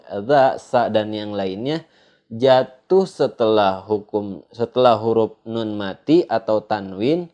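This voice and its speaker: A man from Indonesia teaching a tajwid lesson in a studio, unhurried and pausing on fillers as he explains. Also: on the low side, a little mellow, lo-fi sound. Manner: unhurried, hesitant with "eh" fillers, sings out drawn-out recited examples. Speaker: Quran recitation teacher. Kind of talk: slow tajwid lesson with recited examples.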